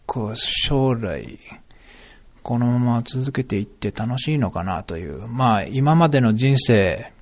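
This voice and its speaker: A man's voice: medium pitch, animated, measured pace. A middle-aged man musing aloud in a solo podcast monologue, rambling with many fillers and self-corrections.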